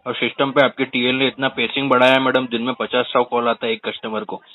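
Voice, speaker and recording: A man's voice: medium pitch, little pitch movement, fast talker. A man with an Indian accent, a loan customer mocking and grilling a recovery agent on a phone call, sarcastic and insistent.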